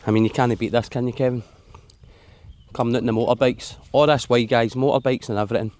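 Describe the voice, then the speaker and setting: A man's voice: medium pitch, steady tone, fast talker, darkish tone. A Scottish man chatting casually to viewers while fishing outdoors in a forest by a loch, laughing often. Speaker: vlogger.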